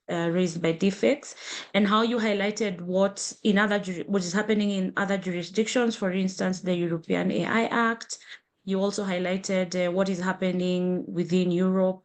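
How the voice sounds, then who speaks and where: Kenyan-accented woman moderating a panel. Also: lowish voice. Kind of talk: moderating an online panel discussion. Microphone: video call.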